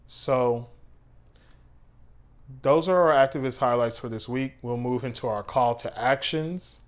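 Slow-talking man co-hosting. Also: medium pitch. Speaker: co-host. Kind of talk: conversational activist talk.

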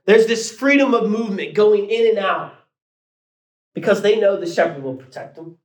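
Man in his 30s preaching; high, lively pitch, emphatic with folksy asides, echoey room. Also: moderate pace. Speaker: pastor. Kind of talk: sermon. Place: church sanctuary.

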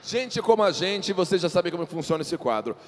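Man, talk show host, jokey quiz banter, slightly high voice, reverberant stage. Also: very animated, over music. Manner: jokey, reads lines slowly and stresses them. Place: studio stage with an audience. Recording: long hall reverb.

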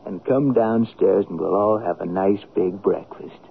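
A man's voice: low-pitched, measured pace, creaky, very noisy. An actor playing a middle-aged father in an old radio drama, coaxing and reassuring, on a tinny lo-fi broadcast recording. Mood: soothing.

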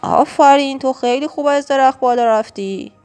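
A woman's voice: high voice, darkish tone, faint music behind, voice pushed up. A woman voicing a kind, playful grown man who looks after a child, in a storybook read-aloud. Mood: cheerful.

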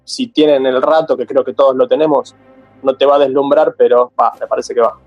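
A man's voice: medium pitch, steady tone, darkish tone, no room sound, highs cut off, soft background music. A man with an Argentine accent, chatting casually and recommending films on a remote panel. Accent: Argentine Spanish. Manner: fast slangy talk. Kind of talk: casual group chat.

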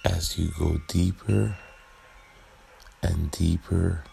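A man with a very low, heavily creaky voice leads a guided meditation. He speaks very slowly and gently, leaving long pauses between short phrases. Ambient chimes and background noise sit under his soothing delivery. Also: steady tone.

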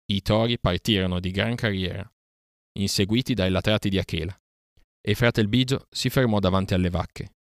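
A man narrating a storybook audiobook in a steady, measured way. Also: low-pitched, dry recording, studio quality.

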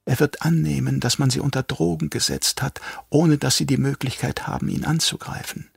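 Man voicing a crazed old traitor doctor, whispery, drawn-out, gravelly, husky, slightly raised pitch, audiobook. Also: fairly even intonation, no echo, clean studio sound. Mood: sly menace. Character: old male traitor doctor, mad, sly, soft-spoken.

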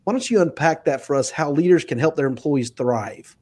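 A man's voice: a little high, animated, brisk, a little mellow. A man hosting a podcast interview, earnest and emphatic, his voice jumping up to stress a point. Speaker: interview host.

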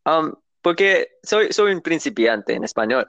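A man whose first language is English, chatting as a beginner learner of Spanish, halting and searching for words and slipping into English. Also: on the high side, big pitch swings, fairly bright tone, no echo, dull audio. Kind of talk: casual conversation practice.

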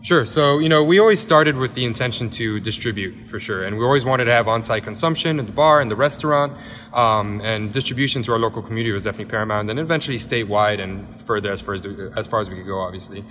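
A man in his thirties, raised in Miami, explains his brewery at a brisk clip. His speech is loose and full of fillers and restarts. A long reverb from the large tasting room trails each phrase. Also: on the low side, a bit bright. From Miami, Florida. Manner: rapid, with frequent fillers and restarts. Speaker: head brewer. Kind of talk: conversational interview answers.

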